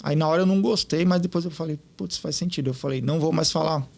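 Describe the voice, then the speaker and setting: Fast-talking man, gravelly voice. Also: fairly high pitch. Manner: animated, quotes others in lively retellings. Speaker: podcast guest. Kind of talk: casual storytelling interview.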